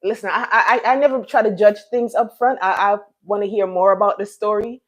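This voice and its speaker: A woman's voice: medium pitch, fairly even intonation, fairly quick. A middle-aged woman from Jamaica hosting a casual live chat, rambling and restarting her sentences as she talks to viewers. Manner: chatty, rambling, many restarts and fillers. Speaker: live stream host.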